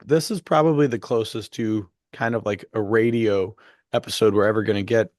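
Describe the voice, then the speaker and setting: This young man, a podcast co-host, speaks in a low, steady, somewhat dark voice at a normal pace. He's chatty and enthusiastic, full of fillers, though his voice is worn and going after an illness. The recording is studio quality, with no room sound.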